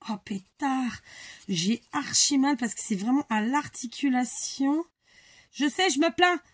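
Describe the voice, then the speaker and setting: A fairly high, husky female voice talking her way through a hands-on craft tutorial. She chats casually with her viewers and often drifts into muttering to herself as she works. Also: lively intonation, measured pace. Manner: thinks aloud, mutters to herself while working.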